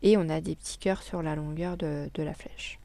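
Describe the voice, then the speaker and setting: A woman's voice: low-pitched, steady tone, moderate pace, warm tone. Chatty woman showing her craft finds. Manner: chatty, many fillers and hesitations. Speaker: scrapbooking vlogger. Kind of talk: casual show-and-tell haul.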